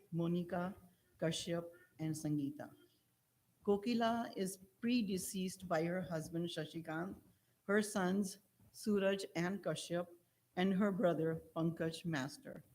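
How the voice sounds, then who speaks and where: Older woman, eulogy reader. Low voice, slow and measured, formal funeral delivery. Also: darkish tone, poor audio. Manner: measured, listing names and dates. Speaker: family member giving a eulogy.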